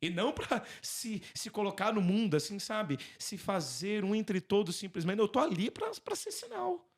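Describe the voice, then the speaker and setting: Brazilian priest telling animated stories. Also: male voice, high voice, normal speed. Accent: Brazilian Portuguese. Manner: animated, acts out dialogue in quoted voices. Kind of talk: conversational storytelling in an interview.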